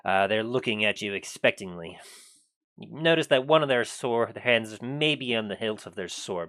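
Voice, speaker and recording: A man working as game master, narrating a tabletop fantasy adventure in a halting storyteller delivery. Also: lowish voice, a bit bright, clear, resonant tone. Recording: prominent guitar music behind voice. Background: guitar music.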